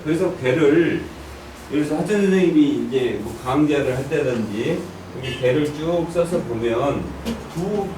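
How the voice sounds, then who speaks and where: A man's voice: a little high, a little mellow, slight background noise. Man lecturing in a roomy hall. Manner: asks the class questions and drills readings aloud. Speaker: I Ching lecturer. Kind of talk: classroom lecture. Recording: echoey room, from far off.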